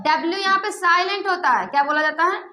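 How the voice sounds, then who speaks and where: Very high-voiced woman teacher quizzing pupils. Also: fast talker, noisy background. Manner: keeps quizzing pupils, repeating answers back; playful teasing asides. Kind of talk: classroom lesson with call-and-response. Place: classroom with pupils.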